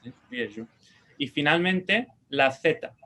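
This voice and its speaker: Spanish-man teaching a language lesson. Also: medium pitch. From Spain. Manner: patient, repeats words slowly for pronunciation; checks in with short questions.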